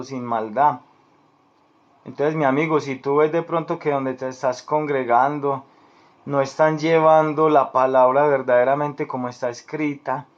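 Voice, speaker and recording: A man preaching a sermon in an earnest, repetitive way, speaking directly to the listener as a beloved friend. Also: on the high side. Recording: dull lo-fi recording.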